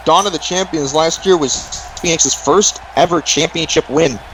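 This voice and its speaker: A man's voice: a little high, normal speed, a bit bright, slight background noise, low-quality recording. A man doing live play-by-play as a wrestling commentator, exclaiming at moves and counting near falls.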